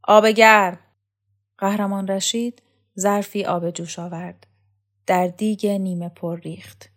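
A woman reading a novel aloud as audiobook narrator, calm and measured. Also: mid-range voice. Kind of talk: scripted literary narration.

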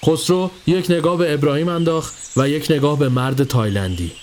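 Man narrating a horror story. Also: a little hiss or hum. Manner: steady storytelling, dropping low for tense moments. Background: faint music.

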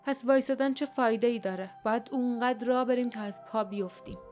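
A woman voicing a blunt, grumbling grown man in an audiobook, gruff and complaining. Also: fairly high pitch, darkish tone, soft background music, close to an everyday voice.

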